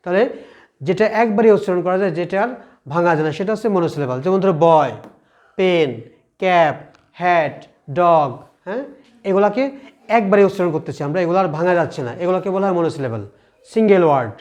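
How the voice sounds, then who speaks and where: A male teacher takes his students through an English lesson, asking questions and then repeating the answers himself. His voice sits high. He explains each point step by step and goes over it again. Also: lively intonation, a little fast, darkish tone. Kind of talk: classroom lesson.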